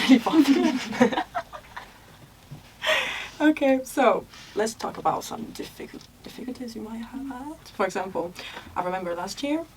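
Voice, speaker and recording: A young woman from Italy, hosting a student podcast and chatting casually, often laughing. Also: mid-range voice. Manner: relaxed, asks questions, laughs often. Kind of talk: casual chat. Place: school room. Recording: distant mic, noisy background.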